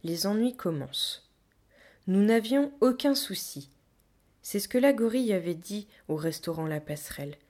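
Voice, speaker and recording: Brief: woman narrator for an audiobook, steady and measured, quiet in tense moments. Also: medium pitch. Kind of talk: scripted storybook narration.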